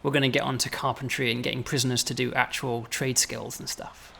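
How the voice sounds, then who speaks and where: A man's voice: mid-range voice, level tone, fairly quick, gravelly, crowd noise. A man developing a game, casually walking through new features and often tagging "right?" onto his points. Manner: chatty, explaining, tags questions with "right?". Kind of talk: casual gameplay walkthrough.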